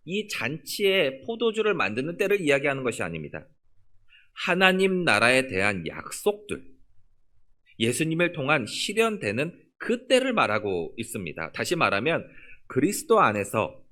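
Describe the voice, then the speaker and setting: A male pastor giving a sermon in a church, reading scripture and explaining it, with his voice dropping low at the ends of verses. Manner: preaching with lively rises and falls, dropping low on scripture endings. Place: church sanctuary.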